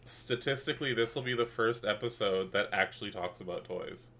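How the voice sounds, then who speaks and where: A man's voice: fairly low pitch, brisk, a bit bright. A man co-hosting a casual podcast over a remote link, with a dry, sarcastic sense of humor. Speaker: podcast co-host. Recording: remote call with faint background hiss.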